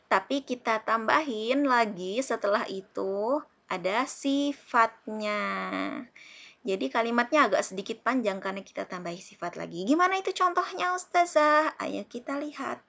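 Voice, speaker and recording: A woman Arabic teacher with an Indonesian accent, giving a recorded lesson and slowly drilling word forms one by one. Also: on the high side, lively intonation, a bit bright.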